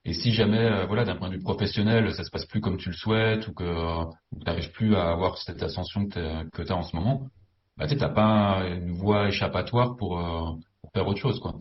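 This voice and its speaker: A man interviewed as a property investor, explaining his choices in a measured, reflective way. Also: sits low, steady tone. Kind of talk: interview conversation. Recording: distant, dull, faint hiss.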